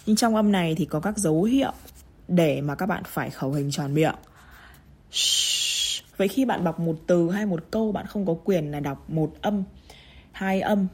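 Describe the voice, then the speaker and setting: A woman with a Vietnamese accent teaching English pronunciation, drilling words slowly and deliberately. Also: on the low side, mellow, slightly rough. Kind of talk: pronunciation lesson.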